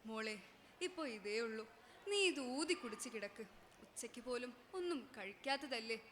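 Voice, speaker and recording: A woman voicing a feverish, exhausted village mother who speaks softly and tenderly to her daughter. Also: fairly high pitch, animated, normal speed, a little hiss or hum. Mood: weary tender. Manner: soft, weary, tender.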